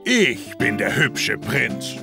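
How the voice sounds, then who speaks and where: A man's voice: mid-range voice, very animated, drawn-out words, creaky, over music, full character voice. A man voicing a good-natured daddy pig in a German cartoon, hammy and playfully grand. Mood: mock-heroic. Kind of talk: German cartoon dub acting.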